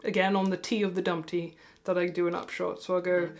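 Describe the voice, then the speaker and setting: A woman's voice: lowish voice, level tone, brisk. A woman teaching a guitar tutorial, chatty and encouraging, who counts beats and sings rhythm syllables and often laughs. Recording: guitar playing loud behind the voice.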